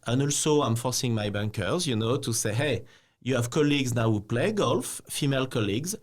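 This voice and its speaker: A man from France, speaking as a bank executive guest in a casual interview, animated and peppered with "you know". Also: medium pitch, a little fast. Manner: animated, slightly non-native phrasing, frequent "you know".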